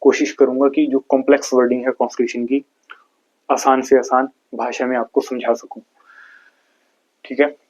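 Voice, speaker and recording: A man's voice: mid-range voice, flat delivery, moderate pace, pauses often, a little mellow, lo-fi sound. A man from India with a Haryanvi accent, teaching an exam-prep lecture, explaining step by step and asking and answering his own questions.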